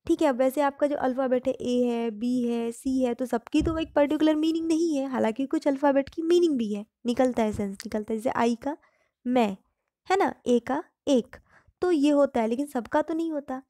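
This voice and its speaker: A woman's voice: high voice, normal speed, warm tone, dry recording, studio quality. A woman teaching English grammar in Hindi, patiently explaining each term and repeating examples.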